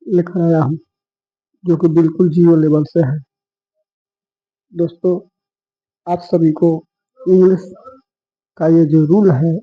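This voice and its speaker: A fairly high-pitched man gives an English lesson at an unhurried pace. His voice is a little husky, and the recording sounds muffled and lo-fi. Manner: slow, patient, repeats each rule. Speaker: English teacher. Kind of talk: spoken lesson spelling out words. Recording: dull lo-fi sound.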